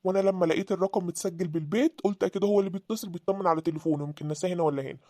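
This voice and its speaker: A woman's voice: lowish voice, steady tone, racing, warm tone, dry recording, clean studio sound, close to an everyday voice. Woman doing a polite Egyptian office coworker. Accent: Egyptian Arabic. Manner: polite, explanatory. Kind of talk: cartoon voice acting.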